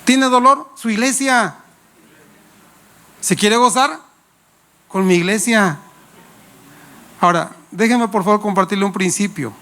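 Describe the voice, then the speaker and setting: A man's voice: sits high, unhurried, long pauses, sharp tone. A male pastor, preaching a sermon with playful anecdotes and questions to the congregation. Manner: playful, laughs while telling anecdotes.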